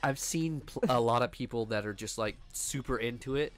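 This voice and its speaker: A young man co-hosting a casual let's play, telling animated stories, acting out quotes and laughing loudly. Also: medium pitch, normal speed. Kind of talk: casual gaming banter.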